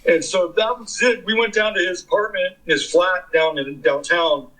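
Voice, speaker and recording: Man, fifties, husky voice, pitched a bit high, rambling, swearing, casual interview guest. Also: normal speed, bright, forceful tone, rough recording. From California Bay Area. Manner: rambling, profane, filler-heavy. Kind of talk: casual storytelling.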